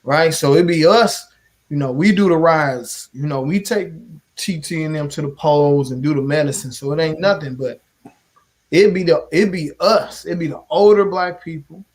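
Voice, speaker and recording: St guy, organizer, cussing and animated, kinda higher voice. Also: moderate pace. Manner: animated, swearing storyteller. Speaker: community organizer. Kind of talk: casual chat.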